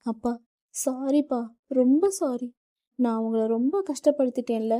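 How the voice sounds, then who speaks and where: A woman's voice: unhurried, mellow. A woman narrator voicing a young woman who cries and pleads with her father. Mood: tearful pleading. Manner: crying, pleading, high and strained. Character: young woman, tearful loving daughter.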